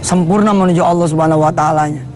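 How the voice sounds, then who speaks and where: An Indonesian man giving a televised sermon, chanting Arabic verses slowly and explaining them in relaxed everyday speech. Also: fairly high pitch, noisy background. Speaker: TV preacher.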